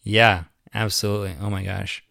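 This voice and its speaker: Low-voiced enthusiastic male podcast host. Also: flat delivery, normal speed, vocal fry, pushed and bright, no echo, clean studio sound. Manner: rambling, enthusiastic, laughs often. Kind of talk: casual conversational interview.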